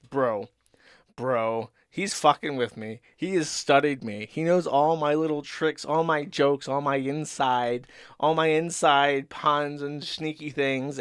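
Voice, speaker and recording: Male stream host, sarcastic and profane, smooth voice, dry close sound, casual comic read-through. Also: on the high side, fairly bright tone, no echo. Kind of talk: casual commentary reading a comic.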